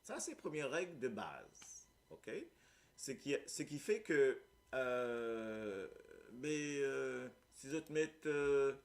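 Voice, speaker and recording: A man's voice: medium pitch, animated, slow pace, vocal fry, soft background music. A man with a Mauritian accent teaching a Creole lesson, explaining patiently and often checking that his listeners follow. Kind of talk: live language lesson.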